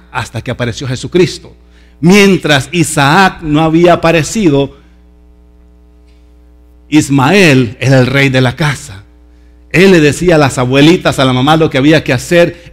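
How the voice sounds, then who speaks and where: A man preaching a sermon as pastor, emphatic and lively, acting out voices from the story. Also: fairly high pitch.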